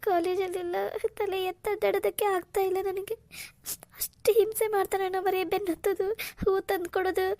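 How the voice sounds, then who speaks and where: A woman voicing a frightened young college student in a cartoon, who talks in a soft, tearful, pleading way to her older brother. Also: very high voice, little pitch movement, brisk. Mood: crying. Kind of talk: cartoon voice acting.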